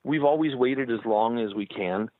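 A man's voice: mid-range voice, normal speed, no room sound. A middle-aged male musician talking in a rambling way in a phone interview, often tagging his points with "right?". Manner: rambling, tags statements with "right?". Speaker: touring musician, guest. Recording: dry tinny phone line.

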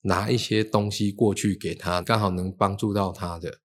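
A man's voice: fairly low pitch, normal speed, husky. A man, a feng shui teacher telling stories in casual chat and acting out the quoted dialogue. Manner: animated, acts out quoted dialogue.

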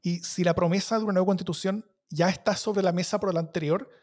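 A man's voice: high voice, steady tone, fast talker, a little mellow. A man with a Chilean accent hosting a panel discussion, thoughtfully laying out questions. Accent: Chilean Spanish. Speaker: host.

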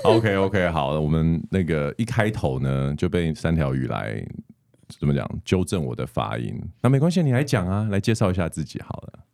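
A man with a Taiwanese Mandarin accent hosts a podcast conversationally. His voice is low, with very animated intonation, in a dry close recording. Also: moderate pace, vocal fry, no echo. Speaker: podcast host. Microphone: close podcast microphone with headphones.

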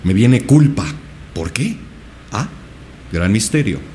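A man's voice: fairly low pitch, sing-song, slow pace, a little mellow, slight background noise. A male podcast guest earnestly recounting a personal experience, with many repetitions. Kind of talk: personal storytelling in a podcast interview.

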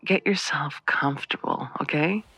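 A man performing an intimate audio roleplay in a soft, breathy half-whisper, slow and lingering. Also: on the high side, dry recording.

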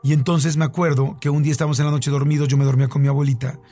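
Animated Mexican man telling a story. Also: a little high, rapid-fire, soft background music. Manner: animated storyteller, fillers and repeats. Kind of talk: casual storytelling chat.

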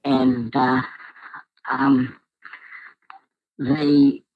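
A man's voice: mid-range voice, level tone. A man whose voice has been altered to disguise his identity, speaking hesitantly and declining an interview over the phone. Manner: hesitant, halting, declining politely. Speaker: reluctant interviewee on a phone call. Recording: muffled phone call.

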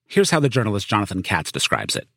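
A man's voice: on the low side, huge pitch swings, fast talker, gravelly, fairly bright tone, no echo, studio quality. A man narrating a scripted documentary podcast in a conversational, storytelling style. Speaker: narrator and reporter. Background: music.

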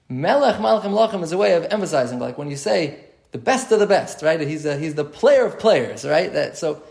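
A man's voice: a little high, gravelly, a little mellow, echoey room. A man giving an informal text-study class, explaining step by step and often repeating and restarting his phrases. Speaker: Torah class teacher.

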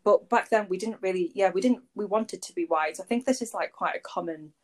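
Guesting on a podcast, this agency founder from Warrington, England, chats in a loose, filler-filled way during a casual interview. She speaks at a medium pitch and a fairly quick pace.

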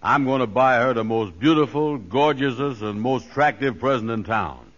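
An actor playing a pompous, dim but good-hearted schemer in a 1940s radio comedy, folksy and self-important. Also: male voice, medium pitch, normal speed, fairly bright tone, natural voice. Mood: pondering. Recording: dull lo-fi 1940s radio recording.

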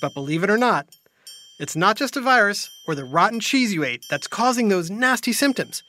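A woman's voice: mid-range voice, lively intonation, moderate pace, fairly bright tone, a little hiss or hum. A woman hosting a kids' science podcast with playful, theatrical scripted narration. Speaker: host and narrator. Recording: music behind.

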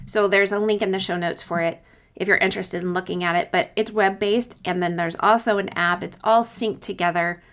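A woman's voice: mid-range voice, steady tone, fairly quick, a bit bright. A woman hosting a solo coaching podcast, talking conversationally and giving informal, encouraging advice.

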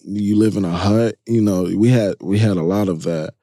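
Low-pitched and mellow, this interview guest from Chicago, United States, who spent part of his childhood in Nigeria, explains his points at a moderate pace, conversational yet emphatic. It's a dry, studio-quality recording.

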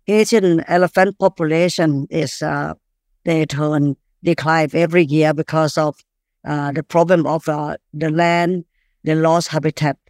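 A woman from Thailand with a Thai accent, answering interview questions as an activist in halting, non-fluent English. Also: low voice, darkish tone, dry recording, clean studio sound. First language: not English. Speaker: animal rights activist, interview guest.

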